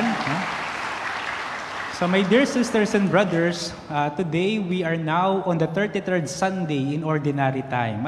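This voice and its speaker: A man preaching a sermon as a priest, telling jokes and stories in an animated way. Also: a little high, a little hiss or hum. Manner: jokey storytelling, animated. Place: large church. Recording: echoey church hall.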